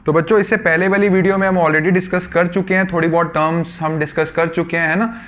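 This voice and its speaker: Teacher lecturing with slow repeated emphasis. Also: male voice, a little high, fairly even intonation, a bit bright, highs cut off. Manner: addresses students as children, answers his own questions as students; repeats key words slowly for emphasis. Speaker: commerce teacher. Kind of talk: classroom lecture.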